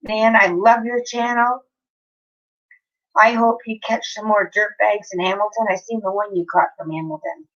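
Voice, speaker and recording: A woman's voice: mid-range voice, fairly even intonation, normal speed, dull audio. Chatty swearing woman. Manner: chatty storytelling, frequent swearing. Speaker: livestreamer. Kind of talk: casual livestream chat. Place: home, near an open window.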